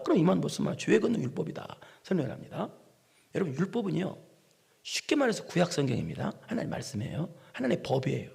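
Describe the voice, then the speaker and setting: A pastor preaching a sermon in a church, reading scripture aloud and often asking the congregation questions. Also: male voice, sits high, gravelly, a little mellow, husky, in a large hall. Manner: reads scripture aloud after calling out "start".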